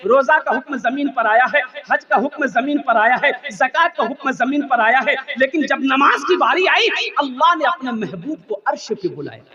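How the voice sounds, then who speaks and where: A man's voice: very high-pitched, animated, normal speed, hardly any pauses, bright, forceful tone. A male Islamic preacher telling humorous stories in a sermon, singing refrains and prompting the crowd to answer. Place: religious gathering. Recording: echoey, dull lo-fi PA sound.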